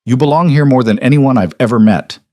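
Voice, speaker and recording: A man voicing a guarded, middle-aged crime boss who speaks in a quiet, measured, controlled way. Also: medium pitch, no echo, clean studio sound, pitched above the performer's own voice, lightly acted.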